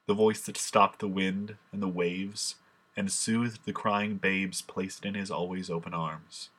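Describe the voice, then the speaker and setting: A man voicing a grieving, ashamed apostle in a dramatic monologue, his voice very deep and husky yet bright-edged. He recites in a solemn, impassioned way, full of remorse. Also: fairly even intonation, measured pace, heavily acted. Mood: sorrowful. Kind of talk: dramatic first-person monologue.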